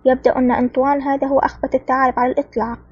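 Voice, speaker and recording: A woman reading the lines of a calm, cool-headed male spy hero in an audiobook, speaking firmly and wryly. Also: high voice, rapid-fire, husky, no room sound, highs cut off. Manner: calm, firm, wry.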